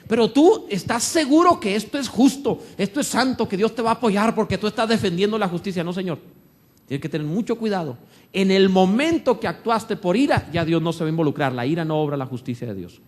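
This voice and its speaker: Pastor, male, high-pitched voice, animated sermon delivery that swings from loud to hushed. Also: brisk.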